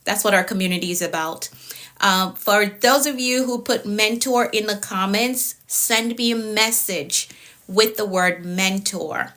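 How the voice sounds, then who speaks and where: Woman, late 30s, productivity coach doing a live stream, bright tone, firm and repetitive delivery. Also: mid-range voice, measured pace. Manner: repetitive, firm, tags lines with okay.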